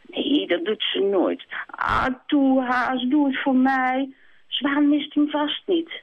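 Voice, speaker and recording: A woman's voice: high-pitched, lively intonation, takes it slowly, gravelly, voice pushed up, heavily acted. A woman voicing a vain, coaxing female hen in a storybook reading, sweetly pleading. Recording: tinny phone line.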